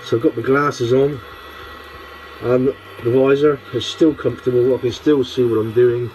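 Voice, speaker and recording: A middle-aged man talking through a face visor in his workshop, giving a rambling, hesitant product review with many pauses and restarts. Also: medium pitch, fairly even intonation, dark tone, a little hiss or hum, poor audio. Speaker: woodworker reviewing a respirator. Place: home workshop.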